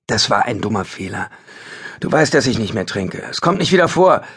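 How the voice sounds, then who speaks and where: A man voicing a desperate, out-of-work male musician in his late thirties, pleading in a rushed, raised voice. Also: fairly low pitch, big pitch swings, a bit bright, slightly rough, full character voice.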